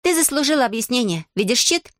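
A woman voicing a bossy, clever young witch girl who explains things briskly, with a dry edge. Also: fairly high pitch, lively intonation, no room sound, voice pushed up, close to an everyday voice.

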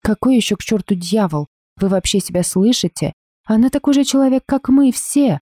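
A woman's voice: fairly low pitch, animated, normal speed, mellow, breathy edge, dry recording, clean studio sound. A woman doing a fierce, tearful young woman. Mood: indignant.

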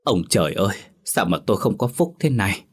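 A man's voice: fairly low pitch, very animated, a little fast, slightly rough. A man doing a lamenting worried old wife. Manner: wailing complaints.

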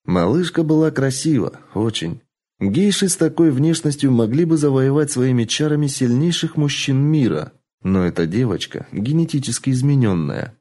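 A man narrating an audiobook in an expressive, dramatic storytelling manner. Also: mid-range voice.

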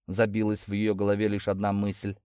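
A man narrating a novel in an expressive storytelling manner. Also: on the low side, a little fast, smooth, no room sound, clean studio sound. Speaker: audiobook narrator. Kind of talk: scripted narration.

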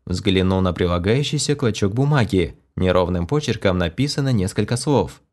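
A man narrating an audiobook in a lively, expressive storytelling voice that acts out the dialogue. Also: low-pitched, normal speed.

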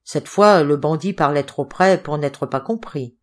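A woman reading a classic novel aloud as an audiobook, with an expressive delivery. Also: deep voice, unhurried. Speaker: audiobook reader.

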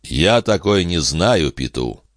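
A man reading a grave, gruff older farmer in an audiobook, terse and stern. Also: low voice, animated, takes it slowly, no echo, clean studio sound.

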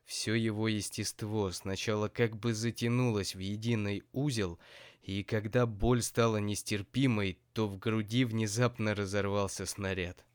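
A man reading audiobook narration in an even, measured way. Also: fairly low pitch, clean tone, no echo, studio quality. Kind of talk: scripted narration.

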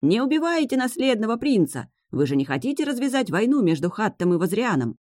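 A reader playing a shrill theatrical ambassador. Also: male voice, very animated, a little fast, no echo, clean studio sound. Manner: theatrical, shouting from afar.

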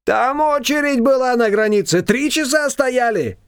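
Man putting on a bickering older shop-owner woman, shrill, high-pitched, lively swoops, cursing. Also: normal speed, clear, resonant tone, no room sound, studio quality. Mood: scolding. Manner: shrill scolding, cursing tirades. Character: loud older female shop owner, quarrelsome.

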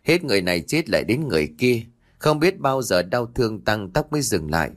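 A man's voice: lowish voice, very animated, fairly quick. A man voicing a sympathetic young son who speaks with a sigh. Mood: rueful. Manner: sighing, rueful.

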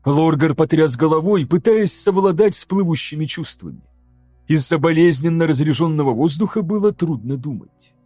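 A man narrating an audiobook in a measured, dramatic reading style. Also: a little high, expressive, dark tone, no room sound, soft background music. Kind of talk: scripted narration.

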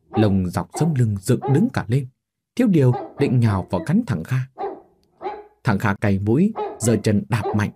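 A man narrating a dramatic story in an expressive reading style. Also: fairly low pitch, background noise.

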